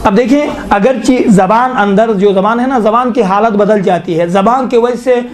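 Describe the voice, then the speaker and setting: A man teaches Quranic pronunciation in Urdu with a Pakistani accent, his voice sitting fairly high. He demonstrates letter sounds slowly and repeats syllables again and again so the listener can copy them. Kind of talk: tajweed pronunciation lesson.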